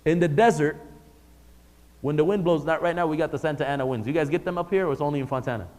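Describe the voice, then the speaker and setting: A man's voice: a little high, fast talker, a little mellow. A man giving a religious lesson to a live class, speaking conversationally and putting questions to the audience. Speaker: religious teacher. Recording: long hall reverb.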